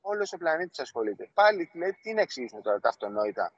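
A man's voice: on the high side, big pitch swings, husky, dry recording. A man reporting remotely for a sports show, earnest and emphatic. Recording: dull dry remote line.

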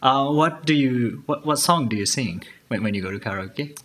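A man's voice: mid-range voice, expressive, normal speed, fairly bright tone. A man hosting an interview, asking questions and giving many short listening sounds. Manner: attentive, frequent short backchannels. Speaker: interviewer, host. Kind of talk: casual interview chat.

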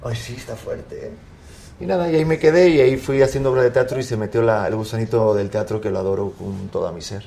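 A man, an actor guest chatting on a talk show, animated, laughing often and acting out the lines he quotes. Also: medium pitch, quick pace, vocal fry, slight background noise. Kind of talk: casual talk-show chat.

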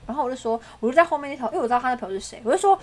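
A woman podcast co-host, telling a story in casual chat with dramatic, animated delivery. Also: sits high, rapid-fire.

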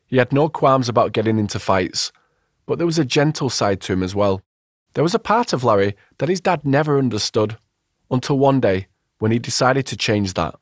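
Guy hosting a podcast, reads the intro smooth and expressive, dead dry sound. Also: mid-range voice, fairly quick, no room sound. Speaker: podcast host. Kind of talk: scripted podcast narration and interviewing.

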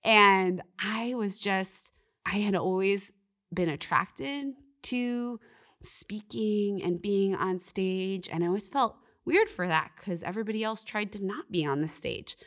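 Her medium-pitched voice is a bit bright and measured in pace as this young woman, a guest on a faith-based podcast, shares earnest reflections on faith. "Like" and "you know" crop up often in her speech.

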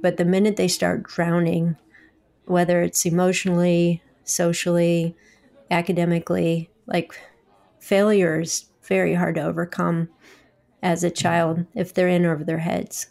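Woman interviewer; low-pitched, level delivery, practical and direct. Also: flat delivery, a little slow, creaky, a little mellow. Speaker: host. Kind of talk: interview hosting.

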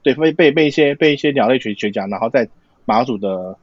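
Man, Taiwanese Mandarin accent, very quick, rough husky tone, repeats himself, dull lo-fi recording. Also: mid-range voice, lively intonation, dry recording. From Matsu, Taiwan. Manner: halting, repeats words and phrases. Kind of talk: casual explanatory chat. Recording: dull lo-fi sound, dry.

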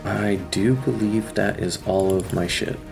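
A man's voice: lowish voice, measured pace, gravelly, over music. A man casually narrating his characters' actions as a player in a tabletop role-playing game.

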